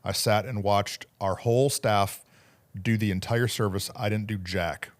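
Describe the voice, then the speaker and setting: A man's voice: fairly low pitch, steady tone, a little slow. Joking man telling a story on a podcast. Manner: joking storyteller, acts out his own lines. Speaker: pastor and podcast co-host. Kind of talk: casual chat.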